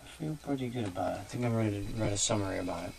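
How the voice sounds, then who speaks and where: A man working as a remote viewer, describing his impressions in a halting way and searching for words with many fillers. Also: fairly low pitch, creaky, darkish tone, a little hiss or hum, rough recording.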